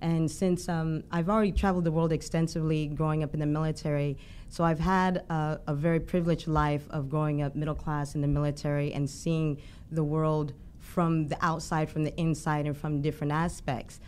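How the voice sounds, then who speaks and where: A woman's voice: sits low, little pitch movement, fairly quick, darkish tone, slight background noise. A woman appearing as a musician guest on a podcast, speaking reflectively in long, flowing thoughts. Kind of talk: conversational interview.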